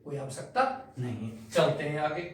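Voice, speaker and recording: A man's voice: a little high, normal speed, a little hiss or hum. A male teacher giving a lesson, explaining step by step and asking and answering his own questions. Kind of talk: classroom lesson. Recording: echoey room from a distance.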